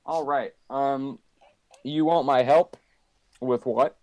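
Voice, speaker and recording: Man, tabletop player, in-character role-play, slow drawl, halting and hesitant. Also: medium pitch, fairly even intonation, darkish tone. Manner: hesitant, full of ums and trailing off.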